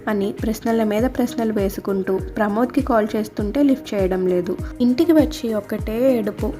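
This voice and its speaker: Soft-toned woman narrating a story. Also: on the high side, a little fast. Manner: reads all characters' lines in her own voice. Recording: soft background music.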